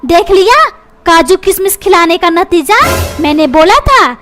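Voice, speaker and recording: A woman voicing a dramatic middle-aged mother in a comic cartoon, complaining and snapping back in a squeaky, very high voice. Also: expressive, measured pace, heavily acted. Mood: nagging. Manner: complaining, self-pitying. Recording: very loud music underneath.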